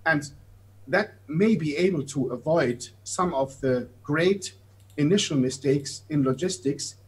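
On a low-quality webcam recording from an office room, a fifties-aged man who speaks German natively and has a German accent is a guest on a video call. His voice runs on the high side. He explains at length, gestures while talking and hesitates with fillers now and then.

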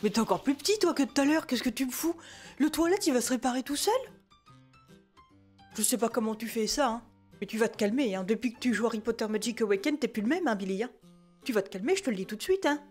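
This is an exasperated mother in a comic game role-play, voiced by a woman. She scolds and nags her unruly little son with a slightly high voice, punctuating orders with tag questions and mild curses. Faint music plays behind her. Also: lively intonation, fast talker, a little mellow. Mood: exasperated, scolding. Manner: scolding, peppered with "hein" and mild swearing. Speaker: gaming video creator.

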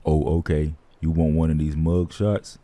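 A man's voice: rumbling low, little pitch movement, moderate pace, warm tone, no echo. A man voicing a laid-back, crude companion with slangy drawling talk in a comedic game role-play. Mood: sly, relaxed.

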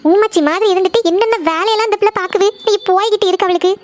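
A woman's voice: very high-pitched, steady tone, very fast, a little mellow, no echo, dull audio. A woman voicing a fussy elderly grandmother in a cartoon, with a brusque, scolding manner.

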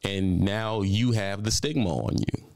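A man's voice: lowish voice, a little slow, creaky, a little mellow, dry recording. A man in his thirties hosting a trucking channel, giving blunt, preachy commentary with lots of repeated phrases, speaking into a studio mic. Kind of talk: commentary on a reaction video. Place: home studio with colored lights. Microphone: studio mic on a boom arm, headphones.

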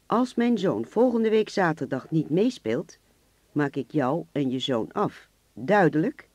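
A man's voice: fairly high pitch, big pitch swings, unhurried, darkish tone, breathy edge, dry recording, exaggerated voice. An actor playing a polite hitman with a cold, threatening edge in a radio play. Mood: menacing. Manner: polite on the surface, coldly threatening. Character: soft-spoken menacing hitman posing as a father.

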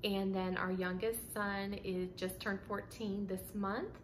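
A woman's voice: medium pitch, flat delivery, slow pace, slight background noise. A woman, chatting to camera about her home in a casual, rambling way full of fillers and restarts. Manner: chatty, many fillers and restarts, says "y'all". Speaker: home decor vlogger. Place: home interior, indoors. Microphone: camera framed at chest height, close.

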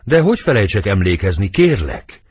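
A man reading the part of Romeo, a brooding lovesick young nobleman, in husky, lyrical verse for an audiobook. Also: big pitch swings, darkish tone. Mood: wistful. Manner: lyrical verse reading, wide swings in pitch.

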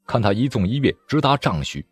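A man narrating a martial-arts novel as an audiobook, in a dramatic, expressive storytelling manner. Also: medium pitch, fairly quick, slightly rough, faint music behind.

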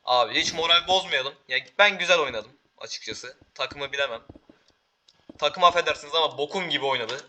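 A teenage boy giving excitable live commentary while playing a game, calling out to teammates and viewers. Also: a little high, a little fast. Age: teens. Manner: excitable, talks to teammates and viewers, frequent exclamations. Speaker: gaming YouTuber.

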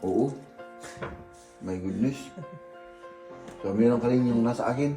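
A man's voice: mid-range voice, unhurried, soft background music. Sick man vlogging in an echoey room. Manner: relaxed, chatty, with frequent fillers. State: sick, coughing. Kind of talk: casual vlog chat to viewers. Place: indoors at home.

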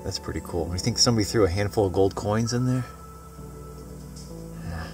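Low-voiced man exploring woods, excited. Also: a little fast, over music. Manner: enthusiastic, explaining finds as he goes. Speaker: metal detecting channel host. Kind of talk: casual outdoor vlog narration. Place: outdoors in a forest.

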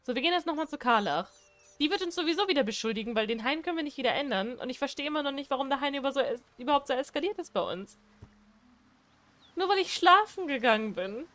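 Female gamer, high voice, casual let's-play commentary, bewildered and exasperated. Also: animated, fast talker, a bit bright. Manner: confused, exasperated, talking to herself and the game. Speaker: gameplay streamer.

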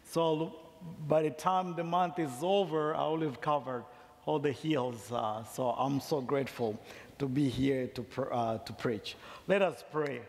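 A man's voice: medium pitch, unhurried, darkish tone. A middle-aged man from Zambia preaching a sermon in a large church sanctuary, speaking through a headset mic. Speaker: district superintendent preaching. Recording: long reverb of a large church hall.

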